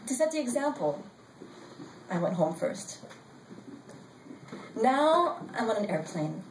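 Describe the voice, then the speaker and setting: An older woman reading her own story aloud at a live event, in a wry, deadpan storytelling manner. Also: on the high side, slow, far from the mic. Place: bar event space, indoors. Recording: roomy sound from off-mic, faint crowd noise.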